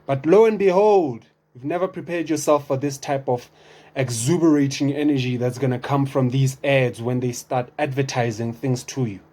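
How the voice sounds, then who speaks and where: A man's voice: medium pitch, moderate pace. Chatty man, casual commentary. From South Africa. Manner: chatty and expressive, with rhetorical questions and repeated restarts. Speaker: vlogger reacting to online content.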